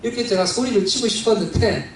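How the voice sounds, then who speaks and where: Speaking fast in a high voice, a male pastor tells a personal story during his sermon, warm and conversational with plenty of fillers. It's recorded from a distance in a very echoey church sanctuary, with slight background noise.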